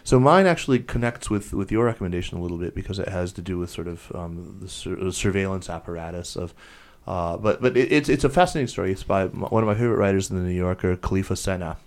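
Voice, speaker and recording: A podcast host chats casually on a panel, wordy and digressive, with an erudite vocabulary. He talks fast with few pauses in a low, expressive voice.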